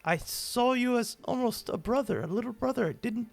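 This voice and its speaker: Man playing an earnest hero, high gravelly voice. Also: lively intonation, soft background music, heavily acted. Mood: pleading. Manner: earnest, halting, reproachful. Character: earnest, scornful hero pleading with his villain cousin.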